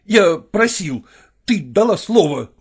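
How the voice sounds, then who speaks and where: A man's voice: sits high, sing-song, slow, slightly rough, voice pushed up, full character voice. A man doing an exasperated estranged husband. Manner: exasperated, pleading and firm. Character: irritable, harassed middle-aged estranged husband and father.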